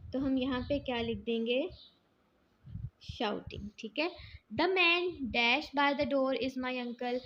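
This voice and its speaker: Lady teacher going through english grammar drills, high voice, kinda dull faint-hissy recording. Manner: patient, step-by-step, often asks and answers her own questions; mixes English words into her explanations. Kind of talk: explaining grammar exercises.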